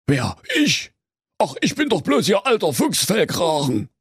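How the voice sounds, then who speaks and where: Brief: sly male storybook fox, raised voice, wheedling and lively, as a man puts him on. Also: sits high, unhurried, breathy edge, no room sound, studio quality, voice pushed up, full character voice. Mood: innocent. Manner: wheedling, persuasive. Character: sly cunning male fox, smooth talker.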